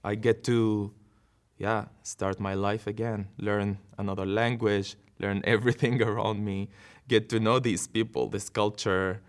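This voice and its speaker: A man's voice: on the low side, flat delivery, measured pace. Earnest Syrian man telling his story. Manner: earnest, reflective, with short laughs and restarts. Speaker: interview guest, dancer. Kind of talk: personal storytelling in an interview.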